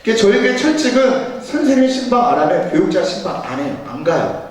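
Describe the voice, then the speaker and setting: Animated man speaking in an echoey hall. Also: high voice, fairly quick, distant mic, crowd noise. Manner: animated storytelling, acts out quoted dialogue. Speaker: church education pastor. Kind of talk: church teachers' seminar talk.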